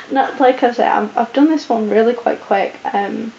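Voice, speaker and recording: Croaky and a bit high with a darkish tone, a sleep-deprived young vlogger puts on a posh British accent to answer viewer questions. She rambles chattily, packing in ums and false starts. The casual Q&A is captured in an echoey room on dull lo-fi audio with faint hiss.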